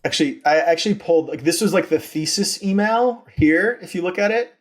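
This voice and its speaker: A man with a slightly high-pitched voice speaks briskly as a podcast guest; he's a company founder and CEO. His casual, emphatic interview style is informal and enthusiastic as he explains things.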